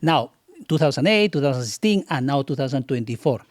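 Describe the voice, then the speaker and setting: A man's voice: mid-range voice, expressive, brisk, no echo. A man from Peru, a business author and keynote speaker, giving confident, explanatory answers as a studio guest. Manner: confident, explanatory, lists points.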